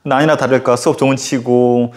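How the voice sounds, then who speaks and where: A man who teaches middle-school history, telling a casual anecdote in a lecture with animated storytelling and lots of filler words. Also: mid-range voice, fast. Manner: animated storytelling full of filler words and sudden acted outbursts.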